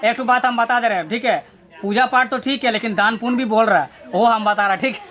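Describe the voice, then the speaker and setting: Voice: medium pitch, fast, fairly bright tone. A storyteller, leading a Karma puja, telling the ritual story and giving chatty instructions to the participants. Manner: chatty, directive, repeats phrases to hold attention.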